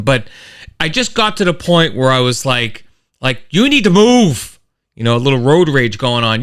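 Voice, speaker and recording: Animated, bright-voiced man. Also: mid-range voice, clean tone. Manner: animated storyteller, rambling with restarts and sound effects. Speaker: host of a weekly live-stream show. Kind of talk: casual monologue to a live chat.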